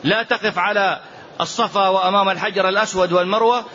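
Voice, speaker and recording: Quick and sharp in tone, the sheikh's high, steady voice drives an emphatic lesson on a poem, with repeated phrases and drawn-out verse quotations. The lecture was captured on dull lo-fi audio with faint ambience and slight background noise.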